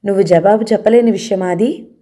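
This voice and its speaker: A man's voice: high voice, fairly quick, dark tone, lightly acted. A woman reading the part of a stern older uncle who scolds and interrogates his nephew. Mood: accusing.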